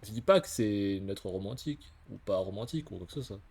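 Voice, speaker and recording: A man's voice: lowish voice, quick pace, gravelly, a little mellow, a little hiss or hum. A man reading a game letter aloud in a raised voice, as a nervous teenage girl who rambles and second-guesses herself. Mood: flustered.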